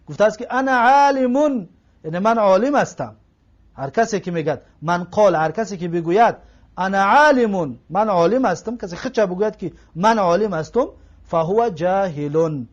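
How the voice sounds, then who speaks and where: A man teaching an Arabic grammar lesson, repeating each phrase and translating it word by word. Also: high-pitched. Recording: slightly dull lo-fi recording.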